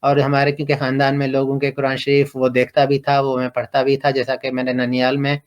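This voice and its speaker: A middle-aged man from Pakistan, telling his personal story slowly and hesitantly, with many pauses and fillers. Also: mid-range voice, monotone, highs cut off. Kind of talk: reflective personal testimony.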